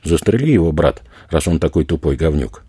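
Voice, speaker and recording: A man's voice: rumbling low, lively intonation, a little fast, warm tone, breathy edge, no echo, clean studio sound, heavily acted. A man voicing a coarse, impatient male robber sidekick who grumbles rudely. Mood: irritated. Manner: grumbling, rude.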